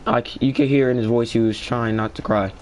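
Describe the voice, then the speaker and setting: A man's voice: mid-range voice, fairly even intonation, a little fast, a little mellow, a little hiss or hum. A young man casually narrating a gaming story in a slangy, swearing storytime style. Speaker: gaming vlogger.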